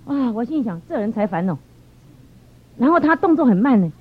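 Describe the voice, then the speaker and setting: A woman giving a lively church testimony, telling stories with animated expression. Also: on the high side, fairly quick, husky. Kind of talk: storytelling testimony. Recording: dull lo-fi sound.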